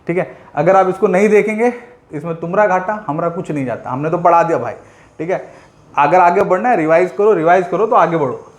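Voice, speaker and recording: A man with a high voice teaching a physics class, going through each step and dropping into slow, careful English for definitions. He mixes in playful teasing of his students. The room is echoey and the sound rings around him. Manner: teasing, addresses students as "my dear children".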